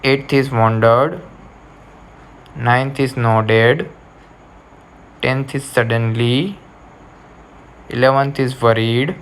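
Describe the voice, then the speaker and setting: A man's voice: medium pitch, drawn-out words, pauses often, a little hiss or hum. A male teacher giving a reading lesson, dictating words to underline and repeating each instruction. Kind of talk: slow classroom reading lesson.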